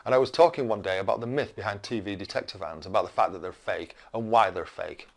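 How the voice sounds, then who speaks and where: A man's voice: on the low side, fast, gravelly. A British man in his fifties delivering an indignant, cranky rant as a video blogger, emphatic and full of rhetorical questions. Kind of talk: opinionated rant to camera.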